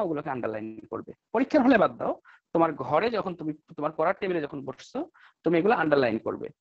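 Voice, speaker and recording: A male English teacher giving an online class lecture, coaxing students with rhetorical questions and slowing down to spell out example sentences. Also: on the high side, no room sound. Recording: dull lo-fi online class audio.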